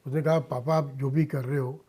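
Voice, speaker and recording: The speaker is a middle-aged man from India, both a businessman and a social worker, being interviewed in a radio studio. His mid-range, mellow voice keeps a moderate pace and fairly even intonation as he talks earnestly, weaving in English phrases.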